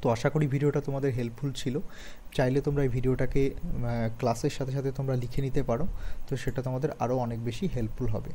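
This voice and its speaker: A man's voice: mid-range voice, flat delivery, fast talker, dark tone, a little hiss or hum. A Bengali-speaking man with a Bengali accent, teaching a beginners' English lesson, patient and repeating points while quizzing his students. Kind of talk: online lesson explaining grammar.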